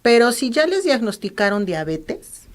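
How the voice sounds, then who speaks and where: Calm Mexican woman doctor explaining. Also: fairly high pitch, unhurried. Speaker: ophthalmologist guest. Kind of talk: interview, explaining medical advice.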